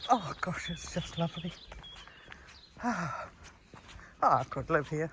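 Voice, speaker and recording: Her voice is low yet fairly bright in tone, and she's animated as she talks to the handheld camera on a hilly rural road. The Kiwi vlogger is slightly breathless, admiring and unhurried, with ambient noise in the outdoor recording.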